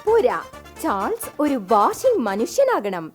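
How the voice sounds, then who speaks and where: A woman playing a bossy wife who pitches her husband like a product in a mock advertisement skit. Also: wildly swooping pitch, slow, loud music behind the voice, heavily acted. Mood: salesy. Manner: sales-pitch presenter tone, bossy. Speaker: stage comedian.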